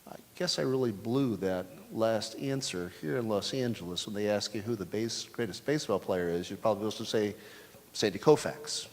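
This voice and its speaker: Deadpan wisecracking dog, a man reads him plain, long church reverb. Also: fairly low pitch, a little fast, background noise, natural voice. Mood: rueful.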